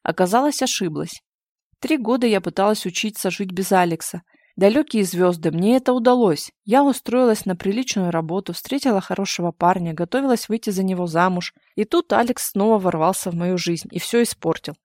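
A woman narrating a first-person audiobook in an expressive, lively storytelling manner with sharp sarcasm. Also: medium pitch, a little fast, dry recording, clean studio sound.

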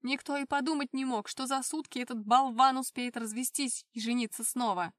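A woman voicing a scheming middle-aged stepmother who speaks in a tense, forceful and hard way. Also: sits high, steady tone, fairly quick, no room sound, clean studio sound, natural voice.

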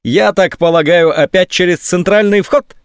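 A man reading a story aloud, voicing a scornful army general who mocks his subordinate in a high, sneering voice. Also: very animated, a little fast, dry recording, studio quality. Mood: sarcastic. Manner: mocking, sneering, sometimes shrill. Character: sarcastic, scornful male army general on phone.

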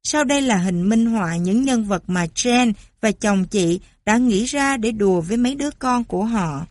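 A woman narrating an audiobook in a calm, measured storytelling voice. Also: on the high side, no echo.

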